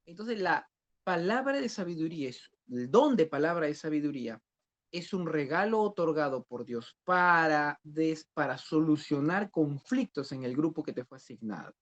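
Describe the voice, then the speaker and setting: A man's voice: a little high, expressive, moderate pace. A man teaching a discipleship Bible class who questions his students and repeats key phrases. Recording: dull lo-fi recording.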